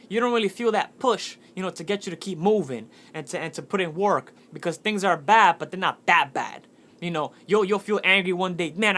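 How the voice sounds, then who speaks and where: A man's voice: sits high, bright, forceful tone. A man in his twenties talking casually and earnestly about motivation, telling a story with frequent restarts. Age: 20s. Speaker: motivational speaker.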